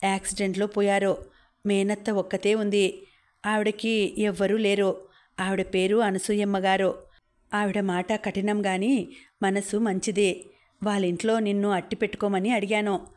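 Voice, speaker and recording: A woman reading the lines of a calm, kindly young man who patiently gives advice. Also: mid-range voice, moderate pace, lightly acted. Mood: reassuring. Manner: steady, patient, reassuring.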